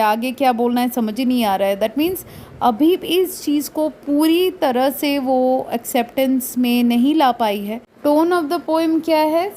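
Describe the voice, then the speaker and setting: Casting: woman teacher, high voice, slow and deliberate explanation, faint background hiss. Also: a little mellow. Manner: slow and deliberate, reading English lines out carefully. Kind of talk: classroom lesson mixing Hindi and English.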